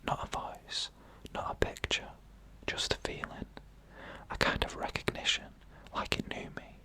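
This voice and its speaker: Here a scary story show's host and narrator reads aloud in a soft ASMR whisper. The stories are frightening, and the delivery is slow and deliberate, with pauses.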